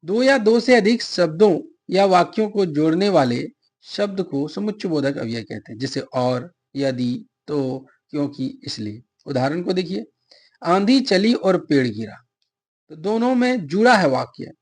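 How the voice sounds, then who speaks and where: A middle-aged male teacher with a husky, slightly high voice. He explains grammar patiently, asks a question and then answers it himself, and works through spoken examples. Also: expressive, unhurried, a little mellow. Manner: asks viewers to subscribe and comment. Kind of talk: Hindi grammar lesson for exam prep.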